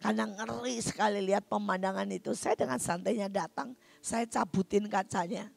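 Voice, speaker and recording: A woman preacher giving a sermon testimony, talking straight to the congregation and moving between quiet, intimate passages and loud, emphatic ones. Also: mid-range voice, fairly even intonation, normal speed, gravelly, no room sound, faint music behind. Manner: addresses congregation often, swings from quiet to loud.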